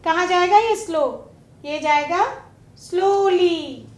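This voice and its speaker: A woman teaching a class, asking her pupils questions and drawing out example words slowly. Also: extremely high pitch, roomy sound. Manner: slow, drawn-out stress on example words; asks pupils questions and waits. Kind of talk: classroom lesson. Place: studio classroom.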